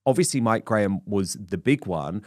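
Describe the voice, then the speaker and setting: A male talk show host with an emphatic, punchy delivery. His voice sits a little low and sounds close and dry, with no room around it. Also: animated, normal speed, darkish tone, dry recording. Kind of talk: political talk show presenting.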